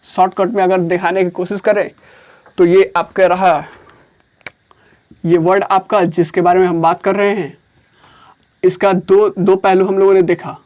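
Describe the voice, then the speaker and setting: A man from India with an Indian accent, teaching an English grammar lesson in Hindi. He explains slowly, repeats phrases and dictates words one at a time. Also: high voice, flat delivery, darkish tone.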